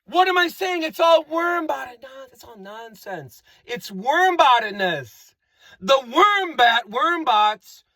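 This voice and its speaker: A man with a high, lively voice rambles through a comic monologue, looping back on phrases and twisting words for fun. The delivery is bright and the recording is dry and close. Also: no room sound. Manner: rambling, repetitive, playful wordplay.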